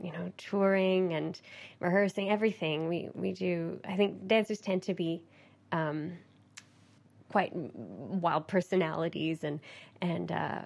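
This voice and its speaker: A woman with a Canadian accent gives casual interview answers, acting out little quotes as she goes. Her voice is on the low side and clearly creaky. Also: a little mellow. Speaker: ballet dancer, interview guest.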